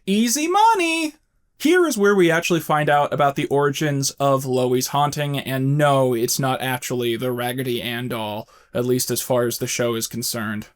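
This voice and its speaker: A man's voice: mid-range voice, normal speed, few pauses. A man hosting a commentary video essay, narrating with wry, sarcastic asides.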